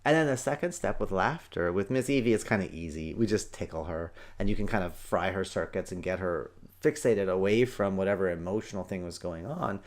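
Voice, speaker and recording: A man in his thirties hosting a parenting show, giving emphatic, animated advice that swings between loud and hushed. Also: low voice, fairly quick, few pauses. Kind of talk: energetic parenting advice talk.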